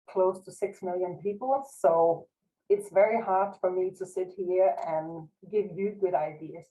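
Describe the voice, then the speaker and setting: Over a video call with poor audio, a Danish woman with a fairly low, mellow voice delivers an online lecture. She's a university researcher, and her accented delivery is modest and careful, often restarting sentences.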